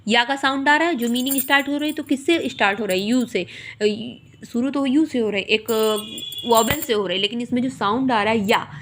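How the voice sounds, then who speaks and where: A woman teacher, slowly explaining a grammar lesson and spelling words out letter by letter. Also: on the high side, a little hiss or hum. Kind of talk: Hindi grammar lesson explaining English articles.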